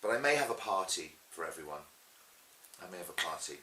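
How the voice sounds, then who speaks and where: Being interviewed, a middle-aged pantomime dame and cabaret performer from Swansea speaks in a deep Welsh voice, a little fast. He's chatty and lively, acting out quotes as he tells stories, with a roomy echo and faint hiss in the background.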